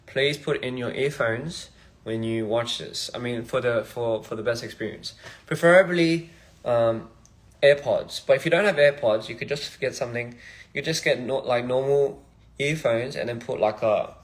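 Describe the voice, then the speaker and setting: A young man from Australia chatting casually on a phone livestream, soft-spoken and reflective, drifting between thoughts. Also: mid-range voice, moderate pace. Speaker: musician livestream host.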